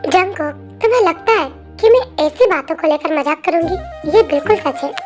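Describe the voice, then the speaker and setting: A woman voicing a patient, gentle pregnant wife in a fan story narration, speaking soothingly. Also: very high-pitched, animated, normal speed. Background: faint music.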